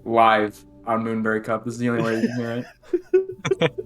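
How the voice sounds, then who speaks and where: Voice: medium pitch, completely flat delivery, normal speed, a bit bright, faint music behind. A speedrun racer chatting casually with the commentators, in a laid-back, dry manner. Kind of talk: casual chat.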